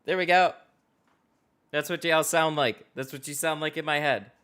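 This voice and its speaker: A man's voice: a little high, fairly even intonation, normal speed, sharp tone, smooth. A man hosting a casual livestream from a tint shop garage, chatting, laughing often and answering viewer questions as he works. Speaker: window tint installer and livestream host. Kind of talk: casual livestream chat while working.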